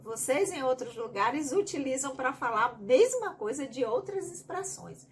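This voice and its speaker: A woman with a Bahian Brazilian Portuguese accent leads a spiritist study group, reading each question aloud before explaining it at length in her own words. Her voice is high, with big pitch swings, at a normal speed.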